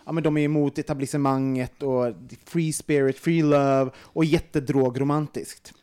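A young man hosting a casual podcast chat, talking in an animated way with many fillers and some swearing when worked up. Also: mid-range voice, clear, resonant tone. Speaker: podcast host.

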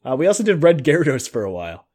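A man's voice: fairly high pitch, sing-song, rapid-fire, crowd noise. A man co-hosting a podcast, reading a listener's email aloud in a casual tone. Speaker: podcast co-host.

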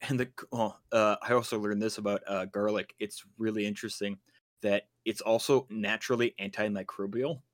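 A man's voice: on the low side, steady tone, normal speed. Man, podcast co-host, casual rambling chat, lots of fillers. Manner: rambling, many fillers and restarts.

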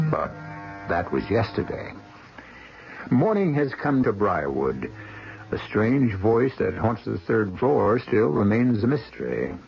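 A man's voice: on the low side, vocal fry, noisy background. A man hosting and narrating a horror radio drama with theatrical, sardonic scripted delivery. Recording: dull lo-fi radio recording. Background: music.

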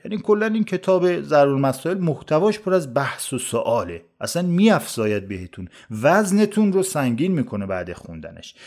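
A man hosting a podcast, telling a comic tale in rhymed verse and breaking off into casual spoken asides. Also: mid-range voice. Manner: lively, switches between recited rhyme and chatty commentary. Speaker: podcast host and storyteller.

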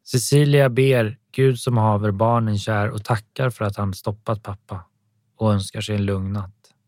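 Low-voiced man reading an audiobook. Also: no room sound, studio quality. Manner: calm, even storytelling. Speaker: audiobook narrator. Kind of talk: scripted audiobook narration.

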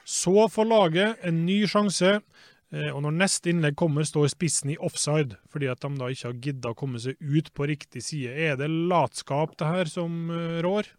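A man hosting a podcast who briskly reads out questions from listeners. His voice is somewhat high for a man. The recording is dry, with no room echo. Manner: brisk, relays questions plainly.

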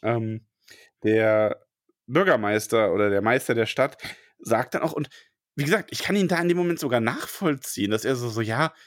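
A man's voice: mid-range voice, moderate pace, no echo, clean studio sound. A man in casual podcast chat, hesitant, with many fillers and restarts. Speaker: podcast co-host discussing a book.

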